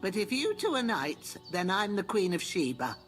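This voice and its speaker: A woman's voice: medium pitch, big pitch swings, normal speed, soft background music, natural voice. A woman playing a weak old peasant woman in a video game, plain-spoken, rustic and complaining. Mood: indignant. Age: older.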